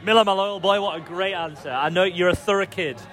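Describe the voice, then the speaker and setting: A man's voice: sits high, a little fast. A man hosting casual group banter, teasing the others as he puts questions to them. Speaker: quiz host.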